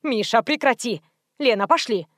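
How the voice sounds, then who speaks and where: A woman's voice: on the high side, lively intonation, moderate pace, dry recording, natural voice. A flustered grandmother of about sixty , voiced by a woman reader, scolds the children in firm, clipped commands. The reading is close-miked and dry. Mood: scolding.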